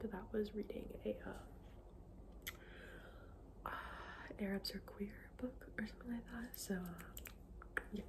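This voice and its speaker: A woman whispering softly in an ASMR style as she chats about books, informal and halting, often trailing off. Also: mid-range voice. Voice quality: soft unvoiced whisper. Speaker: ASMR book video creator. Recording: clearly noisy, with clicking sounds.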